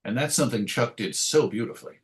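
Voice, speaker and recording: Speaking at a quick pace in a mid-range voice, this man, an interview guest and radio show host, keeps things conversational and thoughtful. He illustrates his ideas with anecdotes and quoted asides.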